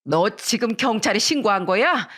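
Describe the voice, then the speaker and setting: A woman's voice: mid-range voice, lively intonation, normal speed, a bit bright. A woman voicing a domineering older mother-in-law who scolds with contempt, in a radio story reading. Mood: indignant.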